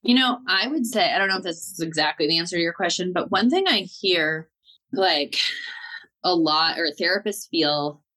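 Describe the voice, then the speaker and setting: A woman's voice: on the low side, moderate pace, pushed and bright, rough recording. A woman with a Southern Californian, slightly Valley girl accent, chatting informally as a therapist being interviewed, peppering her talk with "like" and "totally". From Southern California, United States. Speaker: therapist, guest. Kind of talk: casual interview chat.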